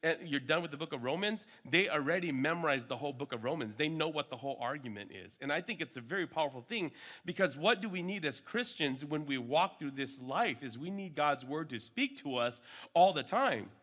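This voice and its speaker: Man teaching, slightly higher voice. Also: animated, brisk, a bit bright. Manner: switches between English and Hmong mid-talk; frequent check-in tags like okay and right. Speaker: workshop trainer teaching Bible discipleship. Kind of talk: informal instructional teaching to a group.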